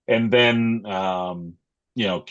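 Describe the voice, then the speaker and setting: A middle-aged man talking casually as an interview guest, in a halting, thoughtful, conversational way. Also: fairly low pitch, muffled recording. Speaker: interview guest, pro wrestler and wrestling coach.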